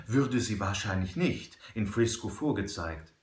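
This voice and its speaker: A man voicing an excitable, cheated middle-aged banker who pleads and hesitates with little ums. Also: lowish voice, measured pace, echoey room. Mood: anxious.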